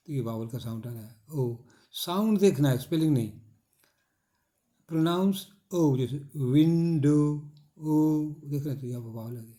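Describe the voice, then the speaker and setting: A middle-aged man teaching English syllables in a lecture, drilling with repeated questions and answers and stretching out key words slowly. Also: fairly high pitch, warm tone. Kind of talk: classroom lecture.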